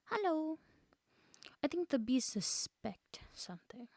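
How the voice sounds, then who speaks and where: Woman voicing an earnest, silly storybook bear, lifted pitch. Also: lively intonation, moderate pace, a little mellow, no echo, studio quality. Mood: anxious, conspiratorial. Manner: earnest, thoughtful musing. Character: fond, earnest, silly bear, musing and anxious. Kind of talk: storybook character voice.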